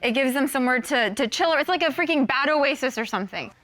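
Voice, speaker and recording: A woman's voice: sits high, lively intonation, fast talker, a bit bright. A woman giving casual testimony as a plaintiff in a TV court, with an aggrieved, complaining manner.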